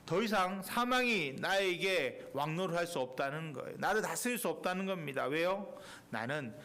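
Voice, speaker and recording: A male pastor preaching a sermon in a church, impassioned, climbing to emphatic peaks and then dropping quiet. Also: a little high, lively intonation, normal speed. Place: church sanctuary.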